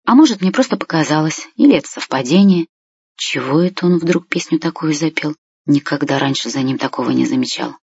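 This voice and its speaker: A woman with a husky voice narrating a children's story in the first person as a boy, in a calm storytelling manner. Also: sits low, fairly quick, no room sound. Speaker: audiobook reader. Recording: dry, slightly muffled lo-fi recording.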